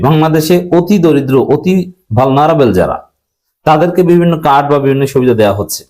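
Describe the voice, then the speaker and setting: A man arguing a political point, brisk and combative, mixing in English words. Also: on the high side, darkish tone, poor audio.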